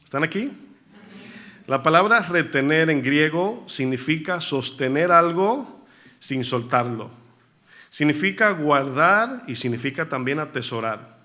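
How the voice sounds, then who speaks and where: A man's voice: on the high side, animated, measured pace, sharp tone. A male pastor preaching a sermon in church, often asking the congregation questions and repeating key words for emphasis.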